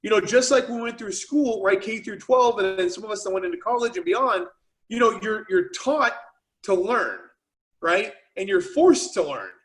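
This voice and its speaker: A man with a notably high voice talks business motivation, loose and energetic. He leans on fillers like "you know" and "right" as he builds his points. It sounds like a video-call mic. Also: normal speed, rough recording. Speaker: business founder, guest speaker. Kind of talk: casual motivational talk.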